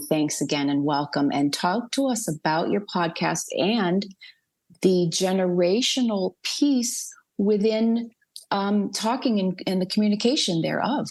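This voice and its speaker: A woman's voice: deep voice, darkish tone. A woman hosting a podcast interview, introducing her guest and chiming in with short affirmations. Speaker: podcast host. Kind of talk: conversational interview.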